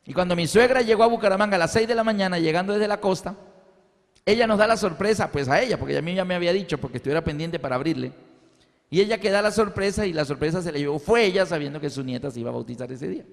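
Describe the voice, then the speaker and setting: Preacher in an echoey hall. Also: male voice, sits high, quick pace, vocal fry. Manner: animated, acts out dialogue in voices. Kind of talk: sermon storytelling. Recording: echoey hall with long reverb.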